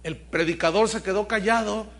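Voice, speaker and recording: A man's voice: high voice, moderate pace. A man, a pastor preaching a sermon to his congregation, telling stories animatedly and speaking straight to his listeners. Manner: animated storytelling with acted quotes, addresses the congregation. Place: church congregation.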